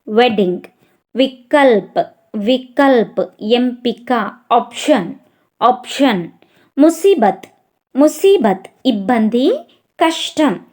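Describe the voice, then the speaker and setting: A woman's voice: a little high, darkish tone. A woman teaching a vocabulary lesson, saying each word twice and then giving its meanings. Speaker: language teacher.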